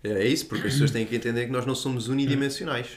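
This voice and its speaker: A podcast guest with a European Portuguese accent explains his views earnestly and informally in a casual conversation, dropping slangy check-in tags. His medium-pitched voice races along with fairly even intonation.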